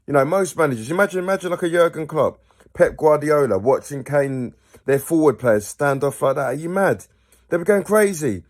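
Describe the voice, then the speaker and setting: A young man delivers a fired-up fan rant straight to camera. His voice sits at an ordinary middle pitch and keeps jumping up on rhetorical questions. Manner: animated, ranting, rhetorical questions. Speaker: football fan channel host.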